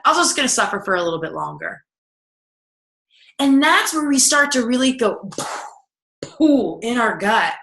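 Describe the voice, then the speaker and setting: In an echoey room, a woman records a video lesson as a personal growth coach. Her medium-pitched voice is bright and forceful, and she talks casually, repeating and acting out the self-talk she's describing.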